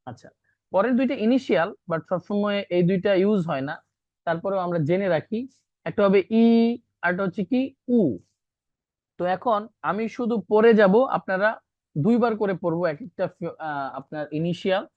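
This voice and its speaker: A teacher leads an online beginner class, slowly repeating each practice syllable and often slipping English words into the explanation. The call audio sounds dry and muffled, with no room echo. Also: medium pitch, expressive. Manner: repeats drilled syllables, code-mixes English. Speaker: Chinese language teacher. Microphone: video call.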